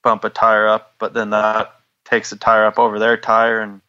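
A man's voice: lowish voice, completely flat delivery, normal speed, sharp tone, clear, resonant tone, dry recording, lo-fi sound. An American man answering interview questions casually as an athlete guest.

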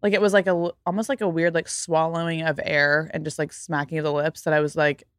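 A young woman hosts a podcast, chatting casually and emphatically, peppering her speech with "like" as she also reads an ad. Her voice is deep and smooth, delivered flatly at a quick pace, with studio-quality sound and no room echo.

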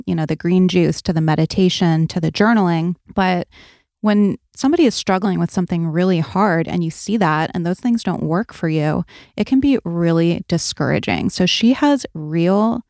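Creaky, lowish-voiced woman podcast host. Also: a little mellow, no room sound, studio quality. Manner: informal, peppered with "like". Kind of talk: conversational podcast introduction.

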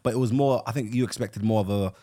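A man's voice: fairly low pitch, fast talker, warm tone. A young man telling a story in casual chat, informally checking that listeners follow.

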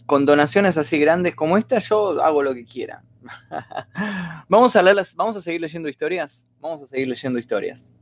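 Chatty Argentine man, slightly high voice. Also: lively intonation, normal speed. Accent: Argentine Spanish. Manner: chatty, rambling, effusively thanks donors; reads viewer messages aloud. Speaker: livestream host reading viewer stories. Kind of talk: casual livestream chat.

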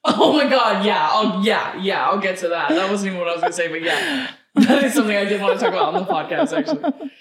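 A woman's voice: medium pitch, big pitch swings, fast talker, over a noisy crowd. Sassy, blunt woman podcaster in a roomy space. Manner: sassy, blunt, heavy swearing; emphatic repetition for effect. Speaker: podcast co-host. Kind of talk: casual podcast chat.

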